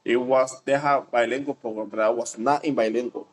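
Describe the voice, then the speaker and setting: A man from Puerto Rico hosting a casual podcast chat, relaxed and rambling, trailing off with fillers. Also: mid-range voice, a little fast, low-quality recording. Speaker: podcast host.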